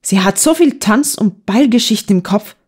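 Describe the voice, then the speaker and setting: A woman's voice: medium pitch, animated, moderate pace, breathy edge, voice pushed up. Happy chatty teen girl, audiobook read by a woman. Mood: cheerful. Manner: eager and bright. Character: cheerful teenage girl, lively.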